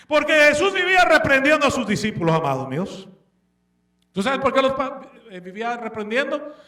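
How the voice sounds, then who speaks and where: Male preacher, very high and bright, animated and questioning, distant mic in a roomy church hall. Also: fairly quick. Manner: slips English words into his speech. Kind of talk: sermon. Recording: echoey room, distant mic.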